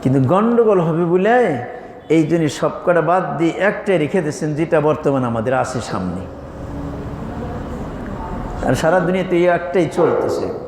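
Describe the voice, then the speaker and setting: A man preaching a sermon, animated and full of rhetorical questions, often mimicking regional speech. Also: on the high side, moderate pace, pauses often. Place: mosque or religious lodge hall. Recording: echoey hall with faint noise.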